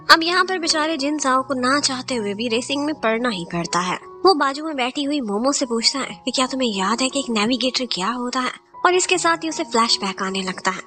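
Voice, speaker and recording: A woman's voice: high-pitched, pushed and bright. A woman narrating a recap of a drama, retelling each scene in Hindi sprinkled with English words. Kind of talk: scripted storytelling recap.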